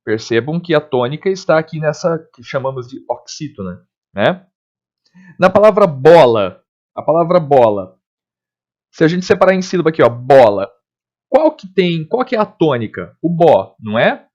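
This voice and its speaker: A Brazilian man teaches a grammar lesson in a fairly high, animated voice that rises and falls a lot. He explains step by step and keeps checking with his students. The recording sounds dull and lo-fi. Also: moderate pace. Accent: Brazilian Portuguese.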